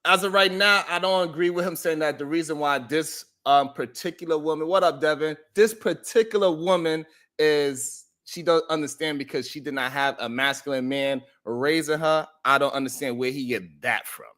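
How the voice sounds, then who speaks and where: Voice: medium pitch, moderate pace, fairly bright tone. A host giving casual live commentary, thinking aloud in a hesitant way.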